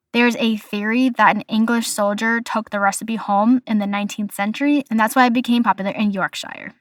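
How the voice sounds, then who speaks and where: Young American woman hosting a casual podcast, chatty, trips over foreign words; high-ish voice, dry sound. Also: fairly bright tone, no echo. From United States. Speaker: podcast host. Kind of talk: casual solo podcast, listing food facts.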